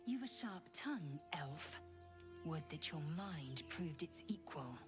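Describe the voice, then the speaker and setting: A woman's voice: deep voice, sing-song, slow pace, over music, full character voice. An actress playing a stern, haughty alien warrior woman in a fantasy game, clipped and formal. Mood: disdainful. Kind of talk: fantasy video game acting.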